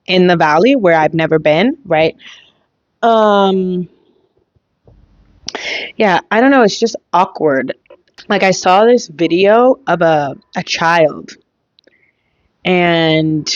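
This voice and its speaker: A woman's voice: on the low side, no room sound, muffled recording. A young woman hosting a casual solo podcast, talking in a chatty, rambling way with lots of fillers and trailing thoughts. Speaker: podcast host.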